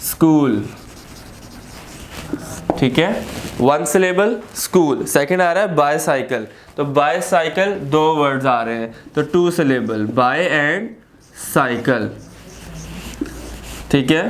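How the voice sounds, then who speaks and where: Pakistani man, slightly high voice, patient repetitive classroom teacher, faint background hiss. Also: animated. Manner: explains slowly, repeating words and asking rhetorical questions. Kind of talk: classroom grammar lesson.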